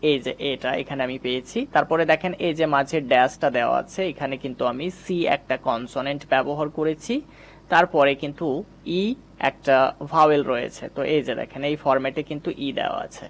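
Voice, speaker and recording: A man teaches an English reading lesson over a screen recording. He talks at a middle pitch, patiently repeating each point and quizzing his viewers before giving the answer. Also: fairly even intonation, a little fast.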